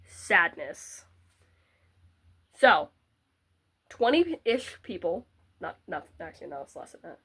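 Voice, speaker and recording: A woman's voice: lowish voice, big pitch swings, takes it slowly, long pauses, a bit bright, breathy edge, no room sound. A teenage girl with a congested, stuffy voice, chatting casually to the camera while packing for a trip. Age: teens. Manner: chatty, bubbly, self-deprecating asides. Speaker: vlogger.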